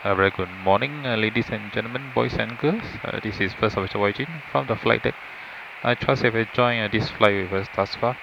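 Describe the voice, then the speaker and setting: A male airline pilot gives a formal cockpit announcement in a fairly low, gravelly voice. He is measured and a little hesitant. The PA sound is dull, with aircraft noise behind it. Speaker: airline pilot, first officer. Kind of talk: semi-scripted cockpit announcement.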